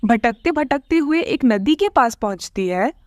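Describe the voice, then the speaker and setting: A woman narrating a cartoon story in an expressive, storytelling way. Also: fairly high pitch, unhurried, dry recording.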